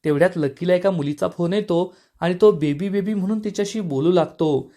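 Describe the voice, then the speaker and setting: Man narrating a recap, higher-pitched. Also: fairly quick, mellow. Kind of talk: scripted narration.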